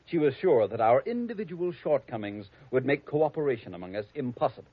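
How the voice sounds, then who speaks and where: In a 1940s radio play captured on a dull, lo-fi old recording, a man plays a snobbish, prim heir who schemes, his speech precise and sarcastic. His medium-pitched voice is slightly rough, very animated, and quick. He sounds haughty throughout.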